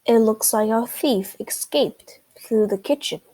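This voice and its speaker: A woman with a higher, unhurried voice and a dark tone voices a male duck detective in a children's storybook. The character is confident and deducing, sounding inquisitive and explanatory, with exclamations.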